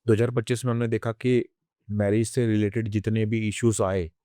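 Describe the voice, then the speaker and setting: A man's voice: on the low side, level tone, brisk, warm tone, no room sound, studio quality. A man hosting a podcast interview, asking long questions and often giving short agreeing replies.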